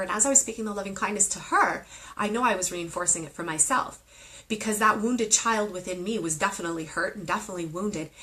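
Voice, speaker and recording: On a live video stream picked up by a phone or webcam, a meditation teacher in her thirties gives an earnest, emotional spiritual talk before leading a guided meditation. Her voice sits at medium pitch with a sharp tone, and the recording quality is low.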